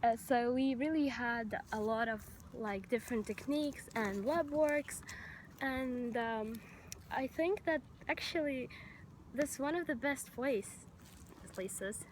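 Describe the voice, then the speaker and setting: A young woman from Estonia talks casually into her camera while sitting outdoors. Her voice sits a little high, and she is eager and chatty, full of "like" and "um". A faint outdoor ambience hums behind her. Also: slow pace, a little hiss or hum, poor audio. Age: young adult. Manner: chatty and enthusiastic, with many fillers. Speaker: vlogger. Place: outdoors on grass, sitting on a stone.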